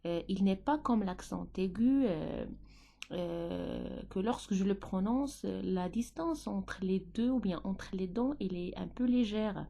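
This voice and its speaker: A woman teaching a French grammar lesson to schoolchildren, talking slowly, repeating herself and stressing key words. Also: medium pitch, vocal fry, warm tone.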